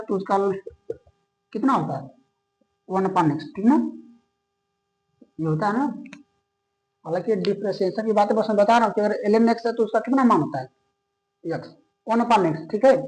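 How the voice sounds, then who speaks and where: On a low-quality recording, a man with a high, mellow voice teaches maths in a classroom lecture. He explains patiently, one step at a time, mixing in English maths terms and constantly pausing to ask "okay?" to see whether students are following.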